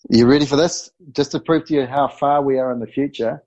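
A man's voice: mid-range voice, fairly even intonation, a little fast, darkish tone, highs cut off. A man with a broad New Zealand accent chatting casually and informally as a guest in a podcast interview.

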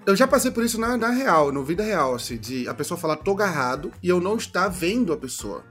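A man's voice: sits high, fast, faint music behind. A man, a comedian guest, chatting casually and playfully acting out ways of speaking. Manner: animated, jokey, demonstrates intonation. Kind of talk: casual chat.

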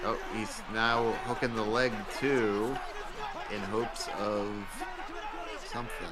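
A man commentates wrestling in a fairly low voice, at a slow pace. He names moves and follows the action as a wrestling commentator would. A crowd is heard behind him. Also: fairly even intonation, heavy background noise. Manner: explains moves and calls pin counts. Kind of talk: wrestling commentary on a match being watched.

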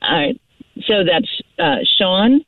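A woman's voice: medium pitch, big pitch swings, slow pace, vocal fry, no room sound. Chatty woman on a tinny phone line. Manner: chatty, laughing, then flustered and apologetic. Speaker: caller on a radio prank. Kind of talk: phone conversation. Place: at work.

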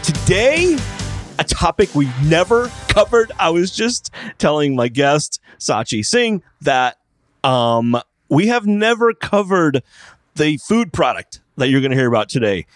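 A man's voice: fairly high pitch, sing-song, unhurried, dry recording, soft background music. A man hosting a podcast interview, bubbly and jokey, with a close, dry microphone sound. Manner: bubbly, jokey, repeats catchphrases. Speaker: podcast host.

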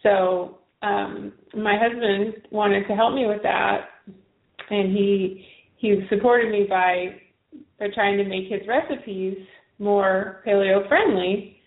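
A woman speaks casually as an interview guest, slowly and with little pitch movement. Vocal fry runs through her voice, and the line is tinny. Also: steady tone. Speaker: guest author. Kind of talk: casual personal storytelling in interview. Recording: roomy, tinny phone-like call.

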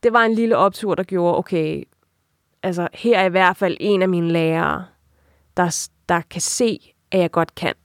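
A woman's voice: lowish voice, dry recording, studio quality. A young adult woman giving a candid, reflective personal account in an interview, with frequent filler tags.

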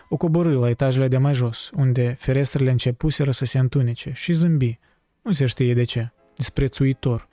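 A man narrating a novel aloud in a measured, expressive reading. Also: mid-range voice, no room sound.

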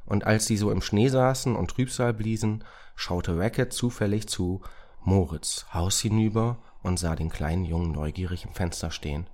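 A man narrating a Christmas story aloud in a calm storybook manner. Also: lowish voice, moderate pace.

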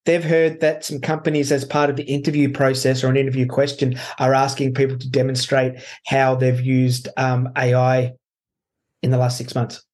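A man's voice: mid-range voice, completely flat delivery, moderate pace, a little mellow. A man co-hosting a podcast, easygoing, reading out news headlines with fillers and frequent chuckles. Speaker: podcast co-host. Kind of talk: casual news chat.

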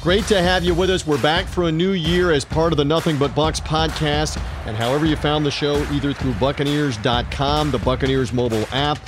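A middle-aged man hosting a sports podcast alone, with a smooth broadcaster delivery and occasional fillers. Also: fairly high pitch, steady tone, a little fast, few pauses, over music. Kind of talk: solo podcast monologue.

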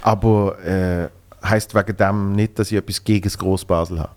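Chatty Basel Swiss man, low voice. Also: fairly even intonation, normal speed, darkish tone. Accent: Basel Swiss German. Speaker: podcast host. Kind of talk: casual chat.

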